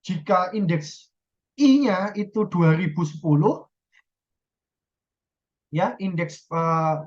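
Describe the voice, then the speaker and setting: A woman's voice: lowish voice, lively intonation, slow, a little mellow, dull audio. A woman lecturer giving a recorded university lesson, explaining step by step, often checking in with the class and correcting herself.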